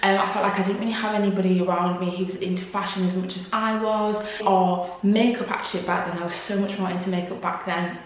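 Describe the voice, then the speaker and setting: A woman's voice: medium pitch, fairly even intonation, quick pace, hardly any pauses. Young woman YouTuber, casual Q&A to camera, lots of fillers, strong room echo. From Congo. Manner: chatty, laughs often, many fillers.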